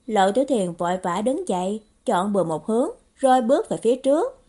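A woman narrating a novel as an audiobook in a steady storytelling manner. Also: medium pitch, a little fast. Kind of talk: scripted narration.

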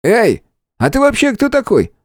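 A man voicing an excitable, loud male sidekick in an audiobook, speaking high and jumpy. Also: moderate pace, no room sound, studio quality, exaggerated voice. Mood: amazed. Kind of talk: audiobook character voice.

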